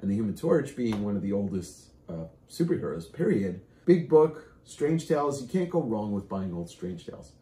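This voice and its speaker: Loud, animated middle-aged man in a roomy space. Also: on the low side, moderate pace, hardly any pauses. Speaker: co-host of a comic collecting show. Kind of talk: casual chat showing off comic finds. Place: indoor room lined with comic shelves, seated at a table. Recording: roomy echo.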